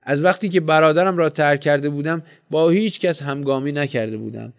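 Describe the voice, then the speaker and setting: A man reading a literary story aloud in a measured, steady manner. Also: fairly high pitch, creaky. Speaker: audiobook narrator. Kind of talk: scripted story narration.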